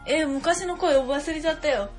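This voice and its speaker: A woman's voice: high-pitched, normal speed, soft background music. A woman co-hosting a podcast, chatting casually and teasingly while the two of them play a memory card game. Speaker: podcast co-host.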